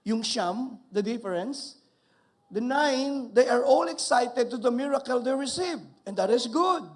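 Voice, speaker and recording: An older male pastor preaching an animated sermon, mixing Tagalog and English and calling out to his congregation. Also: very high-pitched, a little slow.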